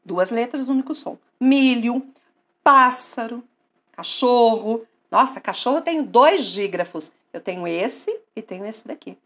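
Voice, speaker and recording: A woman teaching a grammar lesson online, asking and answering her own questions in a coaxing, lively way. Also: on the high side, measured pace.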